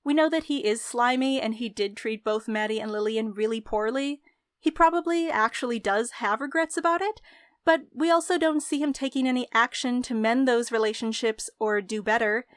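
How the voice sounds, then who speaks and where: A young woman narrating a scripted game review in an articulate, measured way. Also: fairly high pitch, clear, resonant tone, no echo, clean studio sound. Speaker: video essayist, game reviewer.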